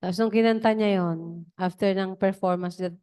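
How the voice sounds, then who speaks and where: A woman's voice: mid-range voice, fairly even intonation, normal speed, mellow, clean tone. A woman preacher giving a chatty, digressive testimony during a worship service.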